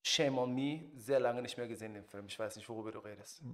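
A man's voice: medium pitch, fast talker. A young man hosting a podcast, telling a story in casual slangy chat and acting out the quotes. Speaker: podcast host.

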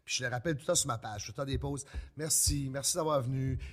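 Man, acadian french accent, rapid speech, slightly husky voice, wrestler telling stories. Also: medium pitch. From New Brunswick, Canada. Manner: animated storyteller, acts out quotes. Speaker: guest, pro wrestler. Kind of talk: casual chat.

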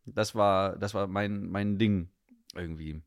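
A man's voice: deep voice, steady tone, a little slow, no echo, clean studio sound. A young man from northern Germany, a guest chatting casually in an interview, rambling with many fillers.

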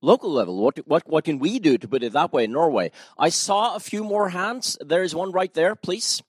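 A man's voice: a little high, animated, breathy edge, no room sound. Man moderating a public seminar. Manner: brisk, polite, calls on audience questions.

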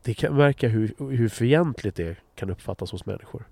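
A man's voice: fairly low pitch, animated, vocal fry, warm tone, no echo. A blunt, direct man from Sweden in casual conversation, swearing freely and often restarting his sentences.

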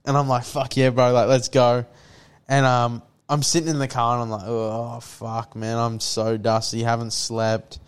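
A man's voice: medium pitch, flat delivery, normal speed, smooth. A young man telling stories in casual, slangy, sweary, laddish chat. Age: young adult.

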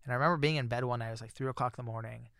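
Man, gravelly voice, bright tone, casual storytelling, many fillers, dry close mic. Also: mid-range voice, very fast, no room sound. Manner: chatty, many fillers, grows excited when recounting surprises. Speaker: author guest.

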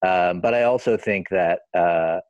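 A man interviewing a guest, speaking in a thoughtful, measured way with frequent hedges. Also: sits low, darkish tone, dry recording, muffled recording. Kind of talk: conversational interview.

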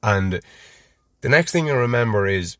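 A man's voice: medium pitch, animated, normal speed, fairly bright tone, dry recording, studio quality. An Irish man in his thirties telling a personal story in a casual, rambling, wry way with a lot of swearing.

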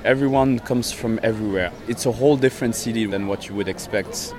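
A musician from Sierra Leone chatting in a relaxed, easygoing way outdoors by a river, with fillers. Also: male voice, lowish voice, a little fast, crowd noise. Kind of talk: casual chat.

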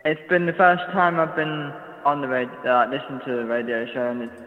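A man's voice: medium pitch, little pitch movement, fairly quick, soft background music. A man phoning in to a radio show, sounding echoey and hollow, as if down a well, and talking shyly and hesitantly. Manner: shy, laughing, hesitant. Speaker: caller. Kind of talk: casual chat. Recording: echoey tinny phone line with long reverb.

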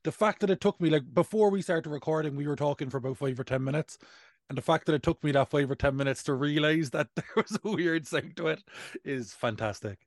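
A man's voice: fairly high pitch, brisk, no echo, studio quality. A man in his thirties with an Irish accent, hosting a casual comedic podcast in a playful, self-mocking way. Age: 30s. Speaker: podcast host.

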